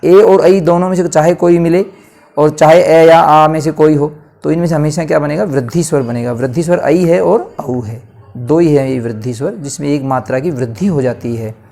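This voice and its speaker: This grammar lesson at a board comes from a man with a north Indian Hindi accent, whose fairly high voice is warm with some vocal fry. He raises questions and answers them himself, lengthening words slowly to illustrate how they sound.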